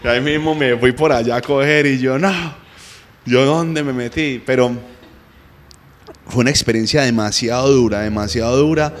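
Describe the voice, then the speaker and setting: Colombian man, self-mocking storyteller, mid-pitched voice, long hall echo. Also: moderate pace, slight background noise. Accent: Colombian Spanish. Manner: lively, self-mocking, chuckles often. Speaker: guest giving a faith testimony. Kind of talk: casual storytelling testimony.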